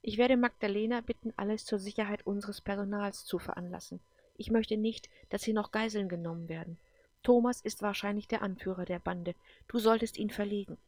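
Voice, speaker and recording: A woman's voice: medium pitch, fairly even intonation, brisk, darkish tone, no room sound, natural voice. A woman voicing an emotional, defensive female leader in an audiobook, talking heatedly and then apologetically. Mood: focused.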